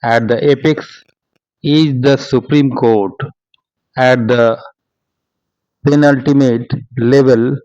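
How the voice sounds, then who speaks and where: A man with an Indian accent dictating a speech for shorthand practice, measured and phrase by phrase. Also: mid-range voice, a little mellow, no room sound, muffled recording. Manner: measured, phrase-by-phrase delivery with spoken paragraph marks. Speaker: stenography dictation instructor.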